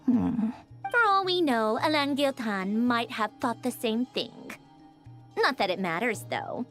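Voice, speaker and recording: Cold snooty fantasy commander, high voice that swoops around, slow and cutting, game music behind. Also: female voice, animated, a bit bright. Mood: scornful. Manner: dismissive, clipped, scornful. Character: cold, haughty woman commander in a fantasy army. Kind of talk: video game cutscene voice acting.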